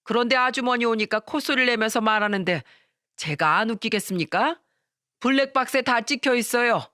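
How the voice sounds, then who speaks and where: A woman's voice: fairly high pitch, brisk, bright, forceful tone, dry recording, pitched above the performer's own voice. A blunt, sarcastic male taxi driver, voiced by a woman narrator speaks in a slightly raised voice. He is a middle-aged man in a storybook reading. The sound is dry and close. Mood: sneering.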